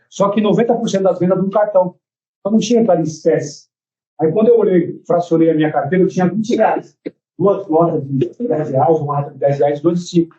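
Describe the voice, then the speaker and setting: Brazilian man on the witness stand, rapid and high, plays out every quote; muffled court recording. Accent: Brazilian Portuguese. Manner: animated storytelling, acting out quoted dialogue. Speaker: defendant testifying in court. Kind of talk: courtroom testimony.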